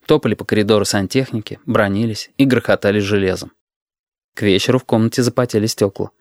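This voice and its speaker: This is scripted narration from a man reading an audiobook, his delivery steady and even like a storyteller's. He has a lowish pitch, captured in a dry, clean studio recording.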